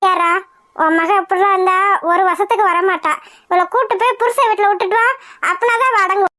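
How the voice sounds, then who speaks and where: A woman voicing a blunt, sharp-tongued old grandmother in a cartoon, nagging and scolding. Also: very high voice, steady tone, a little fast. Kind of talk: cartoon voice acting.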